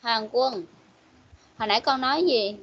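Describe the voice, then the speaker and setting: A woman teaching an English class online, patiently coaxing pupils and repeating words slowly. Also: a little high, a bit bright. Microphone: video call. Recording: muffled online-call audio.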